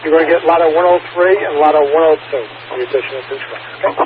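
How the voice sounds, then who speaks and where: A man's voice: a little high, very fast, crowd noise. A man working as a fire dispatcher, reading out times and codes procedurally over two-way radio. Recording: tinny, noisy fire dispatch radio channel.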